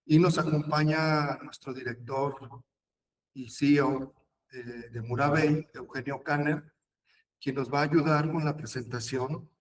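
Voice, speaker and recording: A man's voice: fairly high pitch, fairly even intonation, a little slow, poor audio. A man moderating a webinar, introducing the next speaker briefly and courteously.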